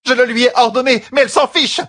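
Man doing a shrill, enraged woman instructor. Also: fairly even intonation, fast, bright, forceful tone, dry recording, clean studio sound, exaggerated voice. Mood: shrieking. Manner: screeching, furious commands.

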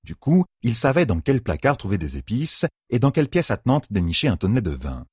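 A man reading a novel aloud as an audiobook narrator, with expressive rising and falling delivery. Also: medium pitch, fairly quick, husky, no room sound, clean studio sound. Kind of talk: scripted narration.

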